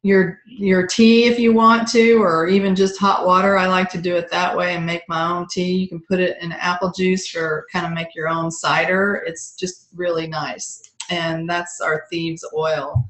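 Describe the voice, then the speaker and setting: A woman's voice: fairly low pitch, little pitch movement, unhurried, hardly any pauses. A woman presenting essential oil products in a casual, chatty walkthrough, with many ums and uhs. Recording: roomy echo.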